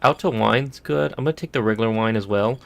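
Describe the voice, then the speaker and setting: A man's voice: fairly low pitch, fast, gravelly. A man giving casual gameplay commentary, muttering and thinking aloud as he loots. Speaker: gameplay streamer.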